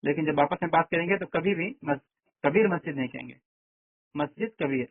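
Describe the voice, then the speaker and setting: The speaker is a man who teaches Arabic online, his voice slightly high. He moves through the lesson step by step and checks in often with his students, and the recording is a tinny, dry call.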